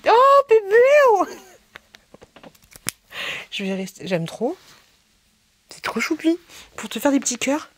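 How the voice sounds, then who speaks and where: A woman chatting casually as she unboxes a beauty haul, gushing and excited over each little item. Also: on the high side, moderate pace, long pauses, breathy edge. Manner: gushing, excitable, squeals over small items.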